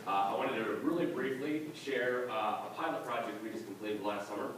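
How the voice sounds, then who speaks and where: A man with a fairly low voice presents at a conference, pausing often on "uh" as he works through his points. He is heard from a distance in a very echoey hall. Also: fairly bright tone. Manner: plain, hesitant delivery with many "uh"s. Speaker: economic development director. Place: large echoey conference room.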